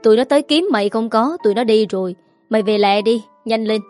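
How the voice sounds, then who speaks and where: A woman's voice: fairly high pitch, quick pace, a little mellow, faint music behind, lightly acted. A woman voicing a frantic aging mother who scolds and wails at her son over his debts. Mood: urgent. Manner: wailing, scolding, pleading.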